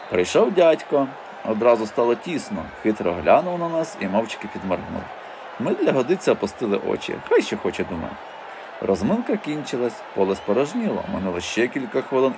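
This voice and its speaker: A man narrating a children's audiobook as a lively first-person storyteller. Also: fairly low pitch, background noise.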